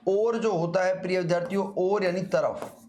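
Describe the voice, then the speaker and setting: A male teacher giving an exam-prep grammar lesson, explaining slowly, repeating key words and sounding out syllables for his students. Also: high voice, steady tone, darkish tone. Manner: addresses students repeatedly, slow deliberate explanation with repetitions; sounds out syllables to demonstrate pronunciation.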